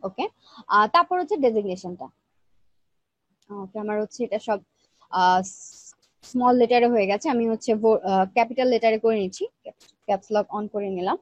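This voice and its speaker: A woman teaching an online design class, explaining each step plainly and checking in with her students, speaking softly because she feels weak today. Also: medium pitch, normal speed, pauses often, dry recording, dull audio. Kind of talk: live screen-share tutorial.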